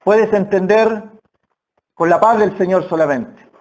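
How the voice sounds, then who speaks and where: A man preaching a sermon in a church, earnest, slowing down and repeating words for emphasis. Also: sits high, a little mellow. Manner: earnest, slow emphatic phrasing with repetitions. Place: church hall.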